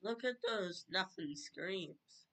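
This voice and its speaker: Reaction commentator, sarcastic and baffled, slow delivery, bright tone. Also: medium pitch, animated. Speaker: video commentator. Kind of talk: reaction commentary over a video.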